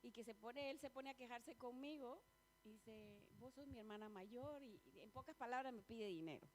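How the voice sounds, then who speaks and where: A woman preaches in a church, in a high voice. She talks in a chatty, personal way and keeps asking the congregation questions. A faint hum sits under the recording. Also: normal speed. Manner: laughs often between points. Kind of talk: sermon.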